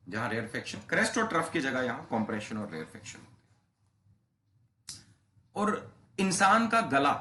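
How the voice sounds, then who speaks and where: Physics teacher lecturing in an echoey room. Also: male voice. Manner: explains in Hindi mixed with English terms, drawing out key phrases slowly; calls students "beta ji", stresses points with sudden rises in pitch and loudness. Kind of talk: classroom lecture. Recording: roomy echo, faint background hiss.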